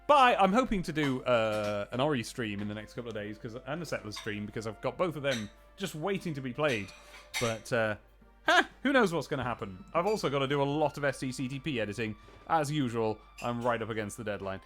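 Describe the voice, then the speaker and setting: A man's mid-range voice swings widely in pitch as he talks fairly quickly, his tone fairly bright against soft background music. In this casual live stream of a video game late in the day, he's sleepy but keeps chatting. He laughs while retelling scenes from old TV, mimicking the characters' lines.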